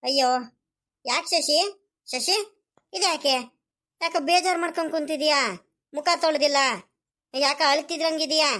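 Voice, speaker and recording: A woman's voice: sits high, fairly even intonation, normal speed, long pauses, a bit bright. A woman voicing a young village husband in a comedy cartoon, anxious and full of repeated pleading questions. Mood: worried pleading.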